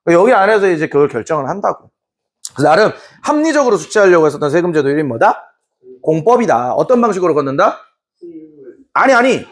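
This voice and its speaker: A man teaching a Korean history class in a lively way, now and then acting out short scenes in put-on voices. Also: high voice, quick pace. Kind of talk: classroom lecture.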